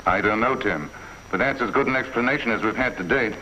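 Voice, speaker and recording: An actor playing a shrewd police inspector in a 1950s TV crime drama, measured, dry and quietly probing. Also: male voice, fairly low pitch, a little hiss or hum. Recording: dull lo-fi 1950s TV soundtrack.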